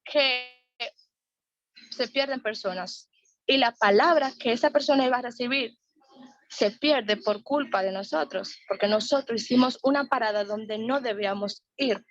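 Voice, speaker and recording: A woman's voice: a little high, normal speed, no echo, dull audio. A woman leading a Bible study, talking earnestly and repeating phrases for emphasis.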